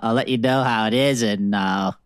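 A man's voice: on the low side, moderate pace, clean tone, no echo, close to an everyday voice. A man voicing a curious male first-timer in a comedy sketch, eager and stammering. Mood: playful.

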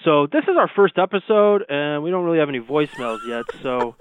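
A man, a podcast co-host, leaving a casual, halting phone voicemail. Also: fairly high pitch, expressive, slight background noise. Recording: tinny phone-line voicemail.

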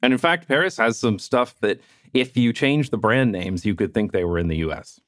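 A man from southwestern Ontario hosting a casual talk, reasoning things through in a relaxed way. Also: on the low side, moderate pace, no echo, clean studio sound. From southwestern Ontario, Canada. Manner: relaxed, explaining, reasoning aloud. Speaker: host. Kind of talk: casual conversation.

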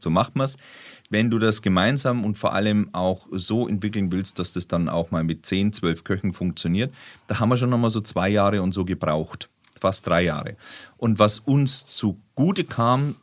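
Low voiced guy chatting casual, gets animated, dry close sound. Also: no echo. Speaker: star chef guest. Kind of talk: casual podcast chat.

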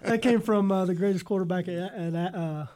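A man who works on a racing pit crew, answering interview questions in a relaxed way with frequent "uh" fillers. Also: sits high, normal speed, a crowd in the background. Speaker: pit crew tire carrier. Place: radio studio.

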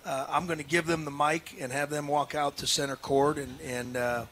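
A man's voice: fairly high pitch, flat delivery, normal speed, a bit bright, a little hiss or hum. A man, a head basketball coach, talking earnestly in a casual radio interview, with many restarts and fillers. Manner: earnest, emotional.

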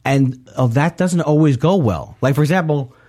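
A man's voice: fairly high pitch, a little mellow. Male guest, casual talker, meanders, trips over his words. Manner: rambling, halting, many restarts. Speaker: comedian guest. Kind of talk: casual podcast conversation.

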